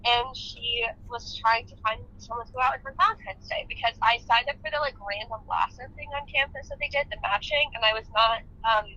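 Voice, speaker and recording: A woman's voice: on the high side, fairly quick, few pauses, bright, forceful tone, a little hiss or hum. Young woman over a phone speaker. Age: young adult. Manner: chatty, rambling, many fillers. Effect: heard over a phone on speaker. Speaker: phone-in guest. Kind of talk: casual storytelling. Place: outdoors in the rain. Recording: muffled phone speaker audio.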